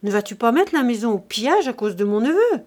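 A woman's voice: a little high, sing-song, fairly quick, darkish tone. A woman reading the lines of a stingy old man who gives curt, dismissive orders. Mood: stern. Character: stingy old male miser, curt and commanding.

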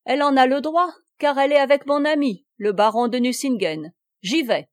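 A cocky upstart officer, middle-aged and glib, speaks up loudly, as a woman puts him on. The voice rides slightly high over a dry, close recording, with an easy swagger. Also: expressive, measured pace, no echo. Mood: brash.

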